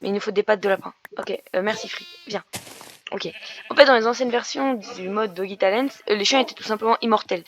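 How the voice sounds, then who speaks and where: Chatty woman with a creaky voice. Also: medium pitch, brisk. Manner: chatty, explaining as she plays, many fillers and restarts. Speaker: gaming YouTuber. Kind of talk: Minecraft let's play commentary.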